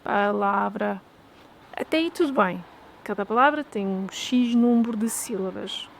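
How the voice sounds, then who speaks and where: A woman with a European Portuguese accent teaches in a clear, deliberate way, her voice sitting a little higher than most. She sounds like a teacher presenting a video lesson and slows down to spell out example phrases. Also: lively intonation, a little hiss or hum. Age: adult with a child. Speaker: language teacher.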